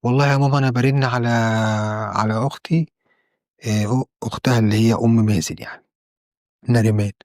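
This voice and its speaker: A man with an Egyptian Arabic accent quoting an anxious middle-aged aunt, talking in a rushed way. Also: mid-range voice, fairly even intonation, darkish tone, dry recording, clean studio sound, close to an everyday voice. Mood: worried.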